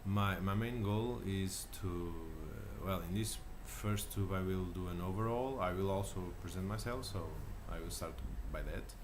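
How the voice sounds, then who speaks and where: A man's voice: sits low, measured pace, hardly any pauses, background noise. A man in his thirties from Portugal with a Portuguese accent, talking casually to camera as a channel host, hesitant with many fillers and restarts. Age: 30s. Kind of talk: casual self-recorded talk. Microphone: camera mic.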